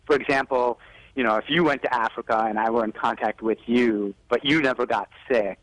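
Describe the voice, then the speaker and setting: A physician appears as a guest expert on a TV news segment via live phone interview, giving health advice and often saying "you know." His voice is mid-range, fairly bright, and brisk. The telephone audio is dry and low-quality.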